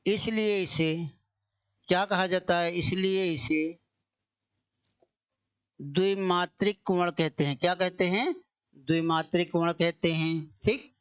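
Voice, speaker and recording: High, smooth-voiced male Hindi teacher. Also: a bit bright. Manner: asks the class questions and answers them himself; repeats key phrases, drawing words out slowly. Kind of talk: exam-coaching grammar lesson.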